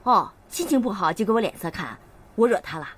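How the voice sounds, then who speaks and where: An actress playing a sharp-tongued middle-aged mother who nags and scolds her family, in a TV drama. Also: mid-range voice, expressive, fairly quick, husky. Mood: scolding. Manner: nagging, scolding, sarcastic. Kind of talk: TV drama acting.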